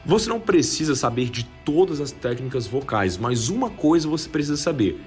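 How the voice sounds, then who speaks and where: A man's voice: mid-range voice, very animated, fairly quick, darkish tone, faint music behind. A young Brazilian man reading a scripted explainer, switching his tone to act out examples. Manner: shifts tone to demonstrate speaking styles. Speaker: video narrator.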